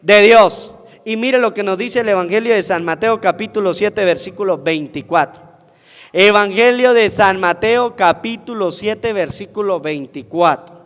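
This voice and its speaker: High-voiced priest preaching. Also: male voice, measured pace, a bit bright. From Venezuela. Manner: asks the congregation questions and answers them himself. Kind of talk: sermon at Mass. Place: church. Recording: long church reverb.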